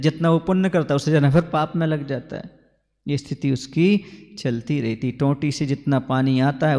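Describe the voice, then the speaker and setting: A man's voice: fairly high pitch, a little mellow. A man who is a Jain monk, giving a sermon on scripture, asking his listeners questions and reciting rhyming couplets. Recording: long hall reverb.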